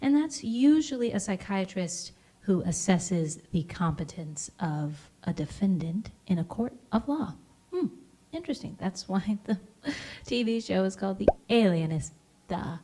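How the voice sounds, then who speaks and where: A woman's voice: mid-range voice, animated, a little slow, noisy background. A young woman hosting her own comedic music vlog, chatty and self-amused, recorded at home. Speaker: vlogger and songwriter.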